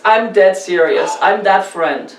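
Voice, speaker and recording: A man's voice: high-pitched, slow, slight background noise. German-accented man, chatty, distant roomy sound. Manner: chatty, animated, repeats words often. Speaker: podcast host. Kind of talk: casual interview chat. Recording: roomy distant mic with faint ambience.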